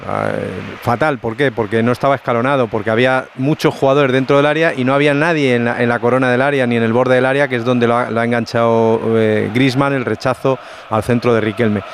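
A man's voice: mid-range voice, steady tone, fast. A man with a Castilian Spanish accent analysing a live football match as a radio pundit, emphatic and critical. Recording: faint outdoor stadium noise.

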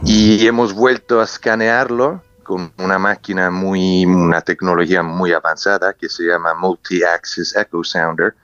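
Halting low-voiced man with English-speaking foreign accent. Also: flat delivery, a bit bright, clean tone, dry recording. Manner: halting, searching for words, emphatic repetition. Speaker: interview guest, underwater explorer and researcher. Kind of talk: unscripted interview storytelling. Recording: muffled sound with music behind.

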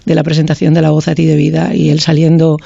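A man talking as a panelist in a casual radio discussion, halting and repeating words as he searches for his phrasing. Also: a little high, completely flat delivery, vocal fry, dark tone, breathy edge, dry recording, muffled recording. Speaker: screenwriter, panelist.

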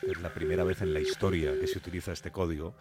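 Loud music plays under a man with a Castilian Spanish accent as he reads a scripted radio tale in a dramatic, deliberate manner. He keeps a low-pitched, steady tone and breaks the story into short, suspense-building phrases.

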